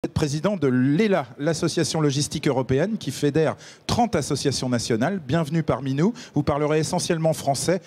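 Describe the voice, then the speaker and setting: A man moderates a studio panel debate with a somewhat high voice. He speaks in a formal broadcast register. He introduces each guest in turn with a full title. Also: a little fast, darkish tone, husky. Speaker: debate host. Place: TV studio set.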